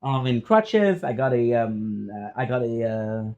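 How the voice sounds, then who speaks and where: A man with a French accent telling personal stories in a casual, rambling vlog style, often halting to repeat and correct himself. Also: mid-range voice, big pitch swings, darkish tone, lo-fi sound. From France or French-speaking region. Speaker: content creator.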